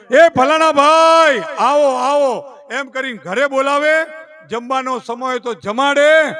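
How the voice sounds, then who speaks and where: A man's voice: extremely high pitch, pushed and bright. A man from Gujarat, telling folk jokes live at a village devotional gathering, stretching out each punchline and acting out the villagers he quotes. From Gujarat, India. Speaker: folk storyteller and emcee. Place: village gathering under a canopy.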